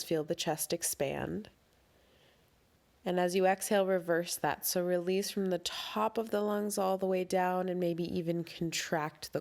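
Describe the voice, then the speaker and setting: A woman instructor leads a guided breathing meditation, speaking in a gentle, soothing, instructional manner with a lowish voice.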